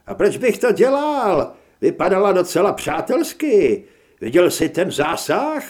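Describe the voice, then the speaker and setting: A man doing an excited Finnish rifleman. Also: medium pitch. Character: hot-headed Finnish rifleman, adult man.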